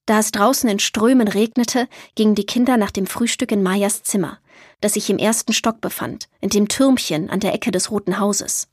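A woman narrating a children's storybook in a calm, clear storytelling manner. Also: mid-range voice, moderate pace, no echo, clean studio sound. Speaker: audiobook reader.

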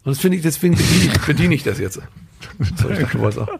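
A man as a guest in a casual podcast conversation, animated and jokey. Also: fairly high pitch, fast, creaky, noisy background. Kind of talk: casual chat.

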